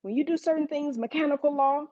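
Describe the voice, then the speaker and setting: Casting note: woman preacher, higher voice, chatty and emphatic sermon delivery, close dry lo-fi recording. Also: fast talker, warm tone, no echo. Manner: conversational, emphatic storytelling to a congregation.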